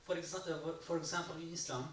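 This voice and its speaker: A man from Iraq who is not a native English speaker, asking the panel a halting question from the floor of a university hall. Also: fairly high pitch, level tone, fairly bright tone. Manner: halting, many pauses and restarts. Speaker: audience member asking a question. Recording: echoey hall, far from the mic, faint noise.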